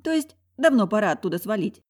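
A woman voicing a fashionable young female friend who talks loudly and breezily, urging her pal on. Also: fairly low pitch, very animated, moderate pace. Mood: gleeful. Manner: loud, breezy, persuasive.

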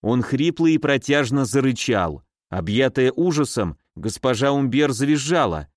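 Guy reading an audiobook, steady and expressive, dry close mic. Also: medium pitch, moderate pace, no room sound. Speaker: narrator. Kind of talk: audiobook narration.

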